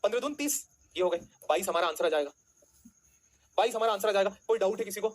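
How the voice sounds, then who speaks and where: Guy teacher, fast and bouncy, slightly husky voice, keeps asking the class stuff then answers it. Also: high-pitched. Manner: asks students questions then answers them himself; calls students beta, jokingly threatens them. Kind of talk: online class lecture.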